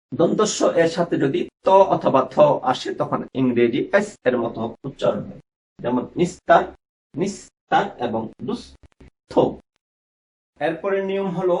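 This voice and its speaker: A male teacher giving a recorded class lesson, sounding out words slowly and repeating them for his students. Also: mid-range voice, a little mellow, poor audio.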